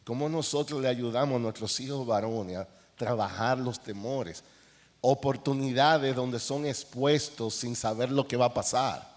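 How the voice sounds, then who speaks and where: A middle-aged man with a Dominican accent, a counselor speaking on a conference panel, telling anecdotes. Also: mid-range voice. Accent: Dominican Spanish. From Dominican Republic. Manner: storytelling, animated anecdotes with quoted dialogue. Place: large conference hall. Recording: reverberant hall.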